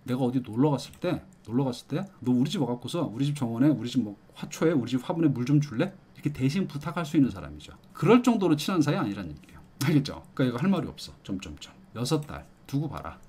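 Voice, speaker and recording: A man's voice: medium pitch, fast, hardly any pauses, slightly rough. A middle-aged man giving an exam-prep lecture, coaxing and explaining, often asking "got it?". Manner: lively, coaxing, checks in with "알겠죠?". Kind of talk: explanatory lecture with questions to students.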